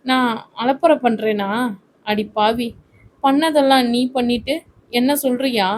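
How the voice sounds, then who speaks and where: A woman voicing a hot-tempered young woman who scolds her friend fast and loud in a storybook reading. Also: a little high, fairly even intonation, natural voice. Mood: angry scolding.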